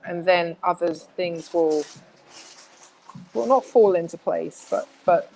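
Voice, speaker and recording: Chatty woman with a lowish voice. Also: slow, gravelly, a little mellow, slight background noise, poor audio. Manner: chatty, many restarts and fillers, laughs often. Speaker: interview guest. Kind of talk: casual conversational interview.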